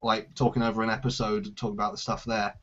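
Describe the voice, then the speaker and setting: A man's voice: on the low side, little pitch movement, fast talker, fairly bright tone, muffled recording. A man hosting a casual Q&A about his series, rambling with lots of restarts. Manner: rambling, hesitant, with frequent restarts and laughs. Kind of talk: casual group chat.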